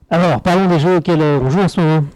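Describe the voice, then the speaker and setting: A man on a podcast panel, chatting casually with brisk interjections. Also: on the high side, a little mellow, low-quality recording. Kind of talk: casual chat.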